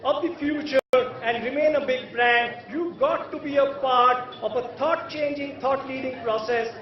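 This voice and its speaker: A man's voice: very high-pitched, steady tone, unhurried. A man giving an earnest podium speech to an audience, speaking rhetorically in short, emphatic phrases. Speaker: conference keynote speaker. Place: large event hall. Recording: echoey hall, distant mic, muffled.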